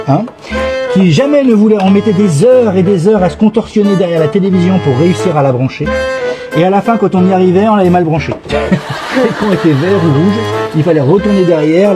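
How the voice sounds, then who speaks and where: A middle-aged man with a stuffy cold hosting a casual live gaming stream, chatty, playful and nostalgic. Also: high voice. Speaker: host.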